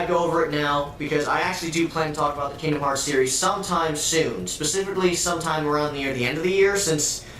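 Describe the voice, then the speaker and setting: A man's voice: on the high side, a bit bright, distant mic. A man giving casual game review commentary, sweary and flippant, his voice doubled into a half-robotic, cyborg-like sound. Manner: sweary, flippant, stammering restarts. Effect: doubled audio track, cyborg-like. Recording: roomy doubled sound, off mic, music behind.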